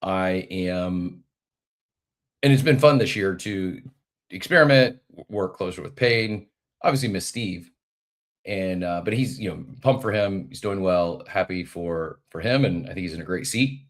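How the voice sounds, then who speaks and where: Man in his forties, very deep voice, stuffy nasal head cold, podcast host, rambling casual chat. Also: measured pace. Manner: rambling, friendly, with many fillers and restarts. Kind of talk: casual live audio show chat.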